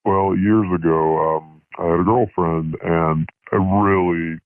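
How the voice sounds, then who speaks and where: A man calling in to confess, his voice disguised by a voice changer, talking haltingly and stammering. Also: sits low, fairly even intonation, no echo, phone-quality sound. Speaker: caller. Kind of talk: radio call-in confession.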